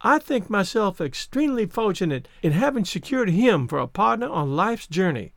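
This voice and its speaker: A woman's voice: mid-range voice, very animated, no echo, studio quality, voice pushed up. A man voicing a dreamy elderly Southern poetess. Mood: gushing. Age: older. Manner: wistful, poetic, slow and lilting.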